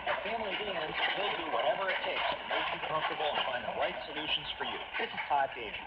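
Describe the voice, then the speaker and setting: A man reading a scripted commercial in a steady, friendly sales pitch, heard over AM radio. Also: quick pace, lo-fi sound. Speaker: radio ad announcer. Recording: AM radio reception with heavy static.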